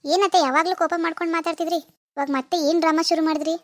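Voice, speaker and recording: A woman playing a gentle young daughter-in-law from a village, who answers her mother-in-law politely in a homemade family drama skit. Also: extremely high pitch, steady tone, racing, no echo. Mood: surprised.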